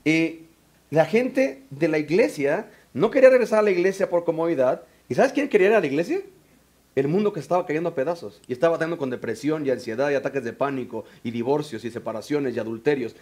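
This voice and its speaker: A man with a Mexican Spanish accent preaching a sermon in church, animated and joking as he acts out voices. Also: fairly high pitch, quick pace. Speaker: pastor and biblical counselor. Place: church before a congregation.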